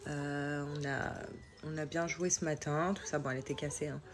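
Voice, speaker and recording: A young mother chats casually with her followers about family life, her low voice steady and at normal speed with music in the background. She sounds nasal and congested with a sore throat because she's coming down with a cold, and she speaks informally and hesitantly.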